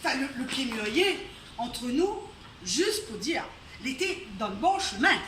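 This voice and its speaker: A woman with a Réunion accent tells a folk tale live at a storytelling evening in a venue, using a high, very animated, fairly bright voice at a slightly slow pace. She's chatty, making asides to the audience and laughing often, and the recording is roomy and distant with faint noise.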